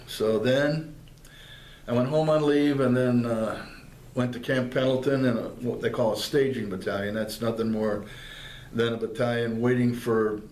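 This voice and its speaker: This is an oral history interview with an older veteran from northeastern Pennsylvania, recorded in a public library room where the sound is roomy and faintly noisy. His voice is medium in pitch and a little mellow. He tells his service stories plainly, often restarting and using fillers.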